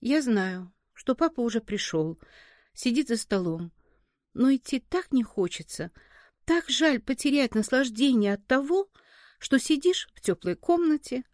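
A woman reading a literary story aloud in a slow, measured, melancholy way. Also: sits high, animated, no echo, studio quality. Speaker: reader.

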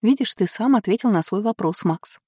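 A lively young duke's daughter, put on by an audiobook reader, who teases with an arch, playful lilt. The voice sits higher, warm and mellow. The sound is dry and close. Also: normal speed, slightly rough, no echo. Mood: teasing. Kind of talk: audiobook character reading.

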